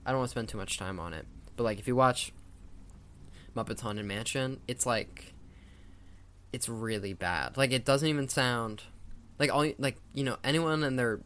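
A man's voice: medium pitch, moderate pace, fairly bright tone, a little hiss or hum. A man hosting a podcast with casual film commentary, wry and opinionated. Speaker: podcast host.

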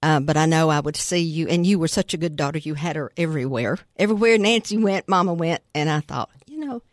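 An older woman hosting a casual interview, gentle and affirming. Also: low-pitched, fast talker, dry recording, studio quality. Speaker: podcast host.

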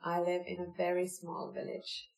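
A woman's voice: on the low side, completely flat delivery, normal speed, gravelly, a little mellow, roomy sound, low-quality recording. A woman from Finland answering in a casual interview with short plain sentences. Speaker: guest designer.

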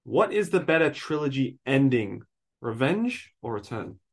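A man's voice: mid-range voice, unhurried. A man co-hosting a casual podcast from a studio, putting questions to the others and pressing his points with insistent, laughing energy. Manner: animated, insistent, laughs easily. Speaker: podcast co-host leading the questions. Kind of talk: casual film-discussion chat.

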